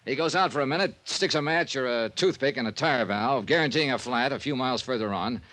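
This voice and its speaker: In a natural, fairly bright medium-pitched voice, a man briskly plays the narrator and lead detective, a wry, persistent insurance investigator from a clipped 1950s radio drama. His mood is persuasive and insistent, his manner punchy, clipped and conversational, captured as an old-time radio recording.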